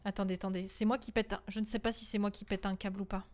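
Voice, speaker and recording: A young adult woman streaming a horror game, chatting casually with her viewers. She swears freely, repeats herself in quick bursts and breaks into shrieks when the game startles her. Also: medium pitch, flat delivery, a little mellow. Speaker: gaming streamer. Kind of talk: let's-play commentary of a horror game.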